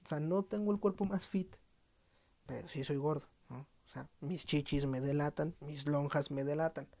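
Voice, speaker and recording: Slangy, profane Mexican podcast host, mellow. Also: male voice, a little high, steady tone, normal speed. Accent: central Mexican. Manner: slangy, profane, playfully dramatic. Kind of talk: casual podcast monologue.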